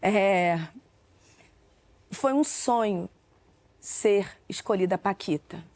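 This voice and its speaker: A woman's voice: mid-range voice, very slow, a little mellow, no room sound. Reflective woman guest, dry sound. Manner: moved, reflective. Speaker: talk show guest. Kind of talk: casual chat.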